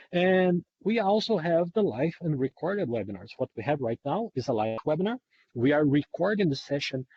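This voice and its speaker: Dull, lo-fi webinar audio carries this man's mid-range, mellow voice with its breathy edge. English isn't his first language, and he repeats and rephrases points as he leads the training.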